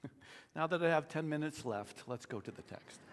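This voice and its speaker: A man preaching a sermon as pastor, animated and emphatic, laughing often. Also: on the high side, brisk, in a large hall, slight background noise.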